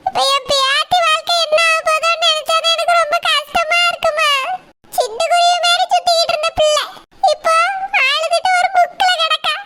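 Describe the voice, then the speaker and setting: A shrill grieving cartoon grandmother. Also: fairly even intonation, fairly quick, sharp tone. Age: older. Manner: lamenting, repetitive, pleading. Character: grieving old grandmother, tearful and worried. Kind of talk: cartoon voice acting.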